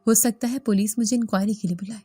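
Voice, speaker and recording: A woman voicing a kind, protective male gatekeeper who gives calm, reassuring instructions in a storybook reading. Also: fairly high pitch, husky, no echo. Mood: urging.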